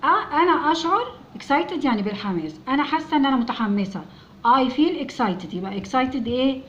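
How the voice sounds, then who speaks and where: An Egyptian-accented woman teaching English to young children, spelling out each letter sound and repeating words slowly and patiently. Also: high-pitched, lively intonation, a bit bright, highs cut off. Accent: Egyptian Arabic. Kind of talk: step-by-step phonics lesson.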